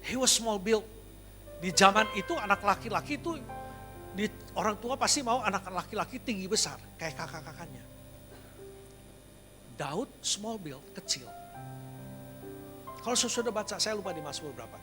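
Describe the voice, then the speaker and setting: A man with a notably high voice preaching to a congregation, moving from quiet storytelling to loud, emphatic calls. He drops English phrases into his sermon. Instrumental music plays clearly underneath him. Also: expressive, a little fast, long pauses. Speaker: pastor. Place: church service.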